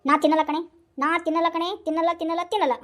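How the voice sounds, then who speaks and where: A woman voices a timid young husband in a cartoon, with a North Karnataka lilt. His voice sits high and runs fast, and his complaints come out as whimpers. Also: fairly even intonation, very noisy. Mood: whining. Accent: North Karnataka Kannada. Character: meek whiny young husband, doctor. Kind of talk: cartoon voice acting.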